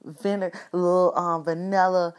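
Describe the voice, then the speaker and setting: A woman's voice: lowish voice, little pitch movement, moderate pace, clear, resonant tone. A woman casually telling a personal story, candid and profane, with lots of fillers. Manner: acts out quoted lines in shifted voices.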